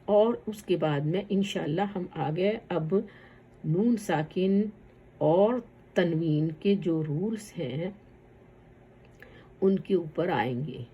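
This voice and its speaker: A woman gives an online recitation lesson, drawing out each syllable and repeating it patiently for her learners. Her voice sits low and mellow, with a breathy, husky edge. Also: pauses often, dull audio. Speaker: Quran recitation teacher.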